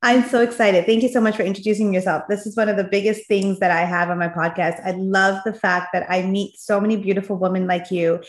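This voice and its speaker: A woman's voice: mid-range voice, fairly even intonation, fast talker, few pauses, roomy sound. A woman hosting a podcast interview, introducing her guest in an effusive, enthusiastic way. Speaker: podcast host.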